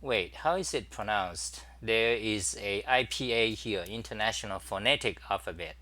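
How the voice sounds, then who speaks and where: Halting man with a bright voice. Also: lowish voice, lively intonation. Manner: halting, many fillers and restarts. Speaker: talk show host. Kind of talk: casual screen-share livestream.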